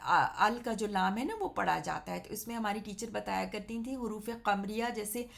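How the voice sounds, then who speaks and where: A woman's voice: medium pitch, vocal fry, fairly bright tone. A woman teaching an Arabic grammar lesson, explaining patiently step by step and checking in often with her listeners.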